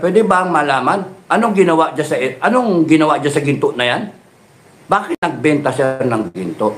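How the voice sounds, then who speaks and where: A middle-aged man, delivering an impassioned political rant full of mocking rhetorical questions and swearing. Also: on the high side. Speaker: political speaker.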